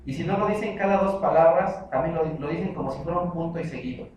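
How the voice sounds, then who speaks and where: A Mexican-accented man preaches with emphatic, repetitive insistence. His voice sits fairly high and carries through a very echoey hall. The mic is set well away from him, with faint noise underneath. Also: quick pace, a little mellow, far from the mic. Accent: Mexican Spanish. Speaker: pastor. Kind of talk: sermon.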